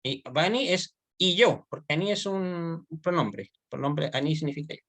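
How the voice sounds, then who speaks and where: A man's voice: on the high side, expressive, normal speed, a bit bright, no echo. A man teaching an online Hebrew grammar class, explaining step by step and often checking that students follow.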